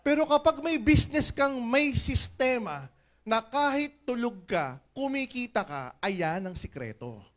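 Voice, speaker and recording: A middle-aged man giving a lively motivational business talk on stage, joking and calling out to the crowd, booming on punchlines and dropping low on asides. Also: unhurried. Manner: animated, jokey, swings between loud punchlines and low asides. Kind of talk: stage motivational speech with audience call-and-response. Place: large event hall with an audience.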